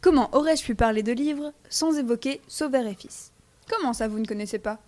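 Teenage girl, school radio book review, teasing, talks to listeners, fairly high voice. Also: brisk, dark tone. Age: teens. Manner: playful, teasing, addresses listeners directly.

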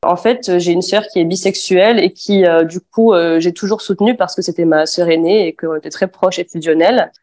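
A woman's voice: on the low side, brisk, few pauses, dark tone. A woman in her twenties from Afghanistan, giving a spoken personal testimony with frequent fillers and restarts. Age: 20s. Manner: hesitant, many fillers and restarts.

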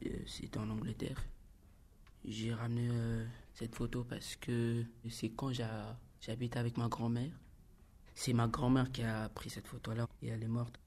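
A teenage boy born in England speaking in a halting way. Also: mid-range voice, completely flat delivery, a little mellow. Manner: halting, restarting. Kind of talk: spoken testimony.

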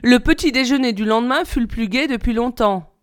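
A woman's voice: on the high side, brisk, clear, resonant tone. Woman reading a novel aloud. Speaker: reader.

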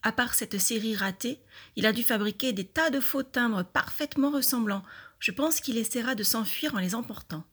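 A woman's voice: on the high side, moderate pace, fairly bright tone, breathy edge. A woman voicing a clever young girl detective in a storybook reading, confident and explaining.

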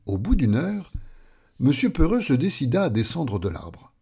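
A man reading a children's story aloud in an expressive, playful way. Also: mid-range voice, moderate pace, gravelly, husky.

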